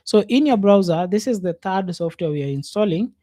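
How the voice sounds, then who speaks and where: A man walks learners through a coding lesson in a warm, mellow voice. He talks it through at an easy pace, pausing on fillers as he works. The sound is close and dry, with no room around it. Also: high voice, expressive, no echo. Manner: unhurried, thinks aloud with many fillers. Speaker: programming instructor. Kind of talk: casual screen-share coding lesson.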